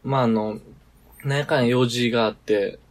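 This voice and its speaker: A man's voice: mid-range voice, steady tone, normal speed. A man with a Kansai accent, a podcast co-host, telling a story in casual chat and laughing often. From Kyoto Prefecture.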